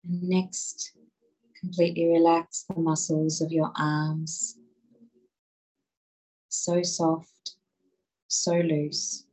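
A woman guiding a listener through muscle relaxation in a slow, soothing voice. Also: low voice, little pitch movement, a little mellow, rough recording. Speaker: relaxation guide. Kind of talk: guided relaxation.

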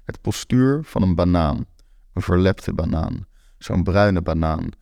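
A man's voice: sits low, a little slow, vocal fry, dark tone, no echo. A man reading a first-person story aloud in a dry, matter-of-fact, blunt manner. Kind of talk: first-person literary narration.

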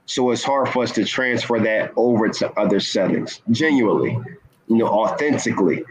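Husky-voiced motivational man. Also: lowish voice, animated, low-quality recording. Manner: earnest, motivational, measured with emphatic stresses. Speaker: guest speaker. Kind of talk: inspirational talk-show conversation.

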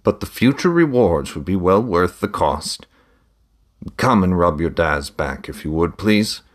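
A man's voice: sits low, expressive, unhurried. A man voicing a shrewd older merchant who haggles with theatrical flair in a read-aloud story. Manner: theatrical, bargaining.

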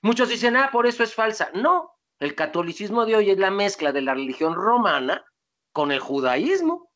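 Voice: mid-range voice, very animated, moderate pace, fairly bright tone. A lecturer giving an informal talk, digressing often, asking rhetorical questions and answering them.

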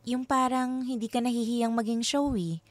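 A woman's voice: a little high, steady tone, normal speed, no room sound, natural voice. Girl voicing a young girlfriend in a radio play, bantering, dry close sound. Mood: playful. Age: 20s. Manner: light, bantering. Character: young woman, fond and playful with her boyfriend. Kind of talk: radio drama acting.

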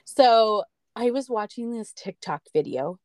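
A woman's voice: a little high, lively intonation, unhurried, darkish tone, no room sound. An American woman co-hosting a podcast, talking in a rambling, emphatic way and swearing freely. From United States. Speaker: podcast co-host. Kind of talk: casual chat.

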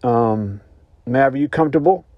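A man hosting a comedy podcast, ranting in a deadpan, mock-earnest way with sudden high-pitched outbursts. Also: moderate pace, dry recording, muffled recording. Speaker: podcast host. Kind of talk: comedic mock-anxious rant.

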